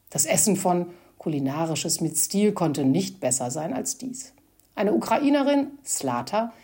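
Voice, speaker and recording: Woman reading a story out loud, expressive, mellow warm tone. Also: lowish voice, gravelly, slightly rough. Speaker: narrator. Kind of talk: scripted narration of a story.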